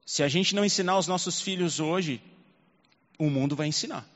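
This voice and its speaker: A male pastor preaching a sermon and telling a personal story, moving between hushed and loud passages. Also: fairly high pitch, normal speed. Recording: long reverb, dull lo-fi sound.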